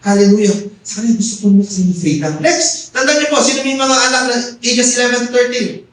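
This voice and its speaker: Echoey high-voiced Filipino pastor preaching. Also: male voice, fairly quick, a bit bright. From Philippines. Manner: preaching with frequent "amen?" calls to the congregation. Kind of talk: Taglish sermon. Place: church hall. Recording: echoey hall, mic far off.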